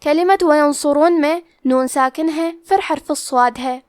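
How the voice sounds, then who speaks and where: Woman, high voice, methodical, step-by-step teacher, dry close recording. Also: no room sound. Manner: methodical, step-by-step explanation with drawn-out recited words. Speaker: Quran recitation teacher. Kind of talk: tajweed lesson, explaining rules then reciting slowly.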